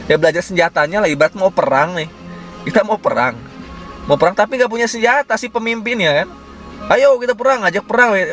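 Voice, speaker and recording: A man's voice: on the high side, a bit bright. A young man coaching his sales team in a casual group session, chatty and confident, leaning on words with a bouncy intonation.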